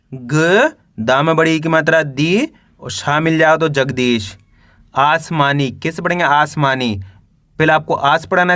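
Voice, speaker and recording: A man's voice: fairly high pitch, bright, forceful tone, no room sound, studio quality. A man teaching beginners to read and spell, sounding out each word syllable by syllable and asking the learner questions as he goes. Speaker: Hindi reading teacher.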